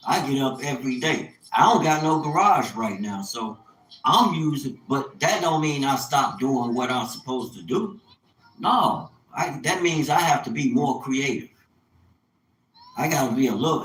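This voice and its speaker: Recorded in an echoey room with faint background noise, a livestreaming small business owner in his fifties speaks in a slightly bright, mid-range male voice. His casual talk is colloquial and meandering, with phrases repeated for emphasis.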